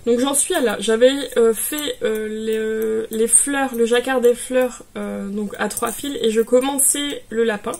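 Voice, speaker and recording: A woman's voice: fairly high pitch, steady tone, unhurried, gravelly, hardly any pauses, a little mellow. A woman chatting casually in a knitting vlog, talking to viewers with many fillers and restarts. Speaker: knitting vlogger.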